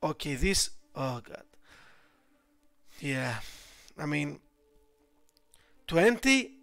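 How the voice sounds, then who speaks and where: A man talks over his gameplay. He speaks in an unhurried way, griping, cursing and laughing at his own failures. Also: fairly high pitch, sing-song, pushed and bright, no room sound. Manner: frustrated, swearing, laughing at himself. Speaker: gameplay streamer. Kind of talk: casual game commentary.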